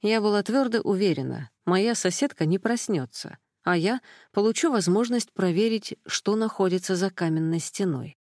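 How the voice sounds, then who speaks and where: A woman narrating a first-person audiobook in a calm, even storytelling manner. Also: mid-range voice, moderate pace, hardly any pauses, no echo, studio quality.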